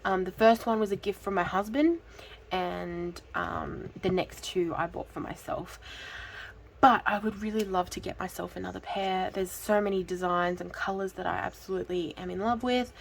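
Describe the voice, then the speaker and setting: A woman's voice: medium pitch, fairly even intonation, normal speed, creaky, a little hiss or hum, low-quality recording. A woman, hosting a casual budgeting vlog in a chatty, giggly way with frequent ums. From Australia. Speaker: budgeting channel host.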